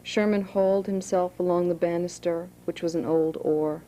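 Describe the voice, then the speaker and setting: A woman author reading her own novel aloud to students in a high school room, with plain asides. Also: steady tone, moderate pace, dark tone, a little hiss or hum, poor audio.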